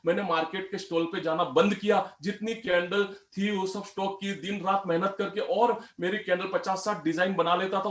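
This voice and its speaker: A middle-aged man delivers a motivational talk as a story and acts out the dialogue along the way. His voice sits high for a man. The hall around him is roomy and echoey. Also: fairly bright tone. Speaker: motivational speaker. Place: event hall.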